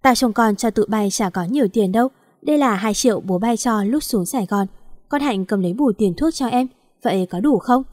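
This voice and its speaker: A woman playing a gentle elderly mother who pleads anxiously over her children. The voice sits a touch high, and the recording is close and dry. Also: fairly quick, no room sound, close to an everyday voice.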